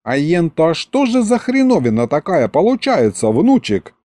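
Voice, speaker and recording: A man's voice: on the high side, huge pitch swings, moderate pace, warm tone, no echo, voice pushed up. A man reading an audiobook, voicing a weary old grandfather who grumbles and sighs in a folksy way. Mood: gloomy.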